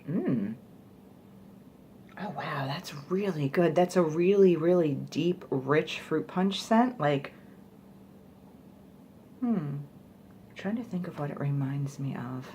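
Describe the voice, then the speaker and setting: A woman's voice: sits low, warm tone, a little hiss or hum. A young woman chatting casually through a product review, rambling with fillers like "like" and "you know". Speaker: beauty vlogger.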